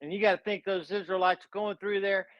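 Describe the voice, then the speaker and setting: A man's voice: high-pitched, fairly even intonation, fast, no room sound, lo-fi sound. A man retelling a scripture story in a fervent, preaching style, full of dramatic repetition.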